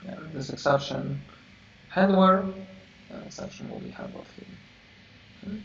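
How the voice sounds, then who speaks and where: A man teaching a programming class, halting and searching for words as he explains, heard from a distance. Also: fairly high pitch, creaky, a bit bright. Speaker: programming instructor. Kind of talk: live coding lecture. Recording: roomy, distant, dull lo-fi mic with faint hiss.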